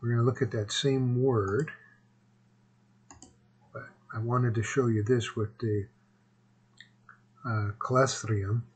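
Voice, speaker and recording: A man hosting his own homemade video series narrates an explainer casually, partly reading aloud, and rambles informally. Missing teeth slur his words. His mid-range, darkish voice stays steady as he takes it slowly with frequent pauses, and the sound is slightly rough.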